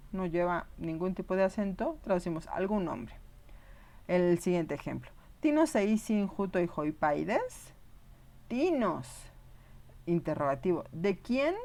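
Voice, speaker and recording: A woman giving a recorded online lesson, explaining patiently and often checking whether her students follow. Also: medium pitch. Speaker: teacher.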